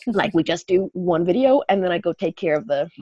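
Sick woman podcast cohost, husky, kinda high voice, animated, dull lo-fi sound. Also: fairly quick, no room sound. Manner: animated, laughs often, acts out her inner voices. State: sick, clearing throat and coughing. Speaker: podcast co-host. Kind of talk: casual chat.

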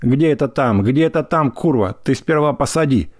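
A man's voice: medium pitch, lively intonation, moderate pace, a little mellow, voice pushed up, lightly acted. A man reading aloud and voicing a short, lame, hot-tempered young village driver who blusters indignantly. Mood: furious.

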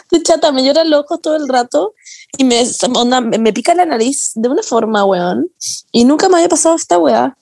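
A woman's voice: high voice, animated, brisk, gravelly, a little mellow, no echo. A young adult woman with a Chilean accent, chatting casually and rambling with lots of slang as a podcast co-host. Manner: slangy, rambling, laughs often. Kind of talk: casual chat among friends.

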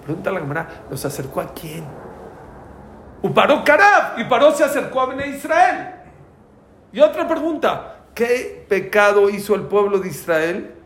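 A man's voice: sits high, big pitch swings, normal speed, fairly bright tone, echoey room. A man teaching a religious class, telling stories and asking his listeners questions, using Hebrew terms. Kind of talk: storytelling class lecture.

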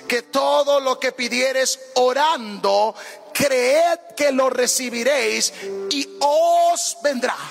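A man preaching a fervent sermon, his delivery swelling into half-sung phrases. His voice sits very high and is heavily gravelly, with a bright, forceful edge. Faint music plays underneath. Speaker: pastor.

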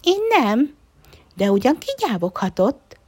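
A woman voicing a tiny, frightened mouse in a children's story, squeaking and fearful. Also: big pitch swings, darkish tone, slightly rough. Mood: anxious.

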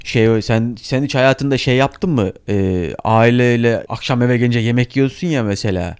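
A man's voice: mid-range voice, moderate pace, clear, resonant tone. A man co-hosting a podcast, chatting casually with mock-outraged joking banter. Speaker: podcast co-host. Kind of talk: casual chat.

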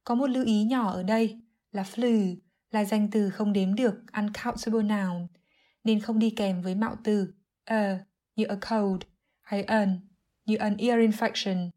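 Woman teaching english words step by step, clear and steady, mid pitch. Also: unhurried. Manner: clear, methodical, explains word by word. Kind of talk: explanatory language lesson.

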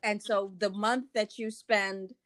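A woman's voice: medium pitch, steady tone, slow, a bit bright. A woman conducting a conversational interview, asking plain questions and follow-ups in an inquisitive way.

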